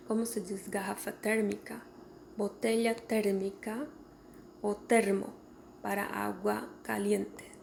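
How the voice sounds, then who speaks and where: A woman's voice: medium pitch, gravelly, darkish tone, a little hiss or hum. A woman teaching vocabulary, asking herself each question and then answering it. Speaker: language teacher. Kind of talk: vocabulary lesson.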